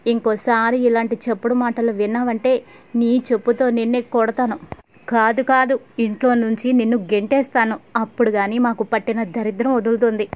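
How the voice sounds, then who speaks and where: A woman's voice: a little high, level tone, normal speed, muffled recording, close to an everyday voice. A woman reading as a furious grieving mother. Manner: angry, scolding outbursts. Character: grieving middle-aged mother, furious and bitter.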